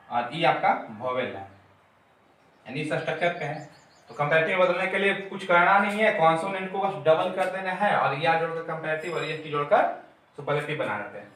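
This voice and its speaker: A man's voice: fairly high pitch, a bit bright. A man teacher explaining a grammar lesson step by step, repeating his key terms. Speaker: English teacher. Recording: very echoey room, mic far off.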